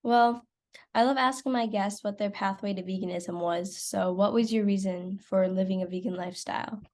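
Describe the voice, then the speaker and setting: A woman's voice: medium pitch, steady tone, moderate pace, a little mellow. A sixteen-year-old girl hosting a podcast, reading an earnest intro and asking her guest questions. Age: teens. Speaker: host. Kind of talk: scripted intro and interview questions.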